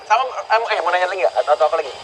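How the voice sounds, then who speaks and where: A man's voice: sits high, expressive, racing, music in the background. A man with an Indonesian accent doing a casual, chatty, playful live interview. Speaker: interviewer at a post-match winner interview.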